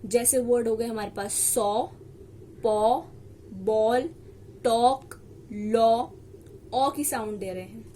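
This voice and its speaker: Slow high-voiced woman teaching shorthand. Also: mellow, a little hiss or hum. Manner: slow, patient, repeats example words while writing. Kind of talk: classroom lesson.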